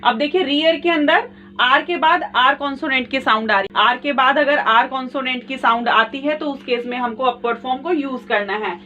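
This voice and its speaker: High bright-voiced woman teaching shorthand. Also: normal speed. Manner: patient, repetitive, addresses viewers as friends. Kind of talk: step-by-step tutorial explanation. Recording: distant, dull lo-fi mic with faint noise.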